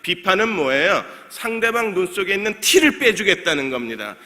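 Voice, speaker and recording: This male pastor's voice sits high and sounds pushed and bright, very animated and a little quick. Preaching a midweek sermon in the sanctuary, he asks the congregation questions, supplies the answers himself, and shares light jokes and laughter with them, all under a long church-hall reverb.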